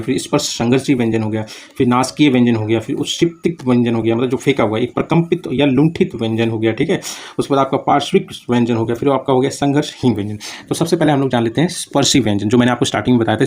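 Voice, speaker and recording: A man's voice: mid-range voice, darkish tone. A man teaching a casual spoken grammar lesson, asking "okay?" and "meaning" after nearly every phrase and sounding out consonants to show how they are made.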